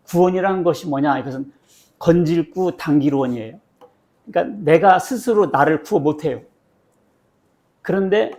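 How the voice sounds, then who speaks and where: A man preaching a sermon as pastor, asking the congregation questions and answering them himself, and reading scripture slowly. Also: on the high side, warm tone. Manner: slow, drawn-out reading of scripture verses. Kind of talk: sermon with call-and-response Bible reading. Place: church sanctuary.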